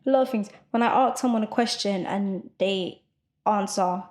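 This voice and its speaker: A woman co-hosting a podcast, chatting casually and quick to protest in an exasperated way. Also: medium pitch, a little mellow. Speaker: podcast co-host. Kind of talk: casual chat.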